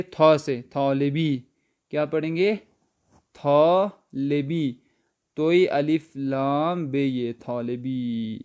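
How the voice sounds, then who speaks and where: A man teaching an online language lesson. He asks his students questions, answers them slowly and spells words out letter by letter, with many hesitation sounds along the way. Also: mid-range voice, warm tone, smooth, dull audio.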